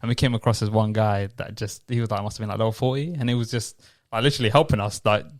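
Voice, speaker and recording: A man's voice: lowish voice, fairly even intonation, fast talker, no echo, studio quality. Laughing, rambling man. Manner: laughs often, rambling with fillers. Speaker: podcast co-host. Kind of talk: casual chat.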